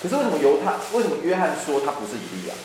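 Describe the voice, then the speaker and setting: A man's voice: fairly high pitch, wildly swooping pitch, very fast, a little mellow. A man teaching a church Bible class, repeating and restarting phrases as he explains. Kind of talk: Bible study lecture. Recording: echoey room, faint hum.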